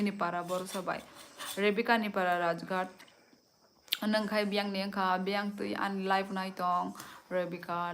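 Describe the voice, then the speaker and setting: A woman's voice: mid-range voice, a bit bright, slight background noise. A young woman hosting a casual livestream, chatting with her viewers and answering their comments as she switches between languages. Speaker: livestream host.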